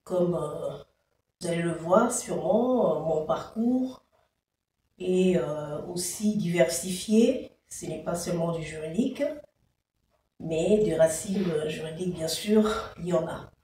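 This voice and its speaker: A Congolese woman from the Democratic Republic of the Congo, a show creator being interviewed, recalls her childhood in Congolese-accented French. Her low, mellow voice moves slowly and carefully, hesitating often on "euh" in measured personal storytelling. She sounds distant, in a roomy, echoey space with a faint ambient hum.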